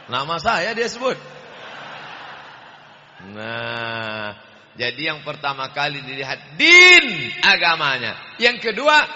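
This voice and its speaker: A man preaching a humorous sermon in a big mosque, speaking loudly into a handheld microphone with a booming, playful delivery. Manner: loud, booming, playful voices. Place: large mosque with crowd. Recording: reverberant hall, slightly dull sound.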